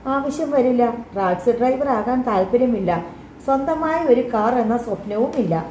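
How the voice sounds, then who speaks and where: A woman's voice: a little high, expressive, unhurried, warm tone, a little hiss or hum. A woman reading the lines of a reserved, guarded young man in an audiobook, giving short, hesitant replies. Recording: roomy, slightly dull recording.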